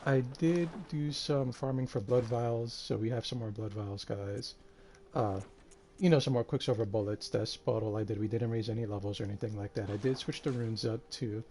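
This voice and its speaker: A man streaming a game live, tired and a bit out of breath, talking in a relaxed, rambling way with lots of fillers. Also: on the low side, moderate pace, a little hiss or hum. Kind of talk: casual live-stream commentary.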